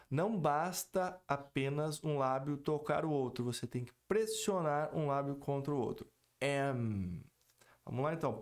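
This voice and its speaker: A man teaching an English pronunciation lesson, drawing out and repeating example words. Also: fairly high pitch. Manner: slow, drawn-out example words, repeated several times.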